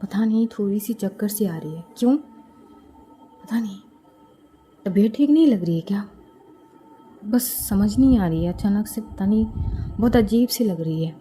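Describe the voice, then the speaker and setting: A woman's voice: medium pitch, lightly acted. A woman doing a weary, withdrawn young bride-to-be. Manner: soft, pleading, faint.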